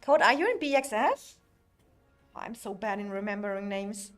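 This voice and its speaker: A woman's voice: mid-range voice, lively intonation, soft background music. Female game streamer, non-native English speaker, casual and explanatory, feeling for words as if translating mentally. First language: not English. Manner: halting, searching for words as if translating in head, non-native phrasing. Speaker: livestream host and alliance member. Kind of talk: casual livestream chat about a strategy game.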